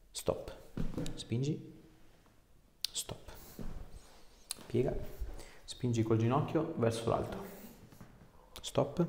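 A chiropractor with a medium-pitched, slightly mellow voice treats a patient in a small indoor room, giving short, repeated coaxing instructions. He chats casually with joking asides while working hands-on, and the recording has a small-room echo with faint background noise.

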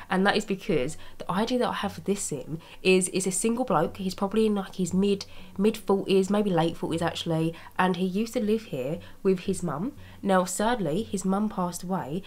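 Narrating her Sims speed build in a casual commentary, the young YouTuber sounds a bit hoarse from a cold and sits on the lower side. She rambles along chattily, laughing softly now and then, in a voice-over made apart from the gameplay footage.

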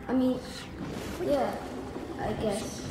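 A woman's voice: high-pitched, background noise. An actress playing a shy, lonely teenage schoolgirl who stammers hesitantly and defensively. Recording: echoey game audio with music.

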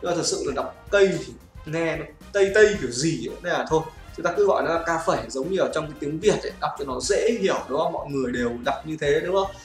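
A man's voice: a little high, quick pace. A man giving chatty gameplay commentary, often checking in with his viewers. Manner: chatty, often asks "right, guys?". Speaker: mobile game YouTuber. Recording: echoey room with game music.

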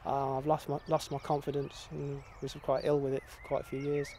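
Middle-aged man, monotone, halting, interview outdoors. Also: medium pitch, a little hiss or hum. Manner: quiet, hesitant, many uhs. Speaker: farm volunteer. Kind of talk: interview answers. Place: outdoor field.

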